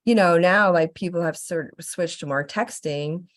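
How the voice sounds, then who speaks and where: A woman's voice: fairly low pitch, a little slow, dry recording. A woman co-hosting a podcast in casual chat, sounding nasal and stuffed up from a summer cold, with lots of ums. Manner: chatty, with many ums and likes. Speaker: co-host, financial advisor.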